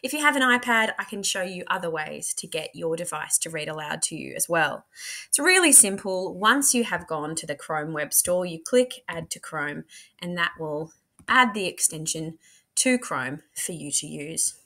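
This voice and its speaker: Here a teacher, a woman whose voice sits on the low side, gives a software tutorial at a computer in an indoor room. She is animated and sharp-toned, speaking at normal speed as she talks aloud through each step of her chatty screen demo.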